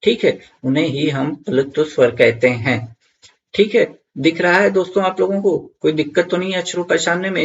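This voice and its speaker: A man's voice: a little high, vocal fry, dull audio. A man teaching an online grammar lesson for exam students, repeating key points and checking in with viewers.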